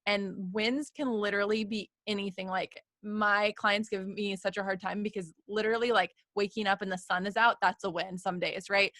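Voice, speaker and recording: A woman podcast host, a coach, leads a casual interview chat over a video call, upbeat and encouraging, often checking in with "right?". Her medium-pitched voice is steady, pushed and bright, at a normal speed with few pauses. The recording is dry.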